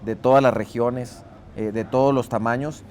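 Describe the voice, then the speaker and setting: A man's voice: medium pitch, fairly even intonation, normal speed, darkish tone. A man answering an interview question, listing points steadily.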